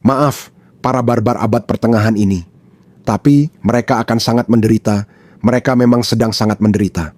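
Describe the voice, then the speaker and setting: A man from Pakistan delivers pointed commentary in a mellow, relaxed tone. He stresses his points by repeating them, and the dry recording has no room sound. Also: medium pitch, fairly quick, dry recording. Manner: emphatic, repeats points for effect. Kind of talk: opinionated commentary.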